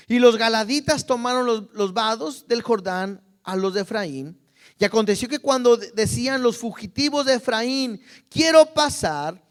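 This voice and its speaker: A man's voice: sits high, fairly bright tone. A man preaching a conversational sermon as pastor, often checking in with the congregation.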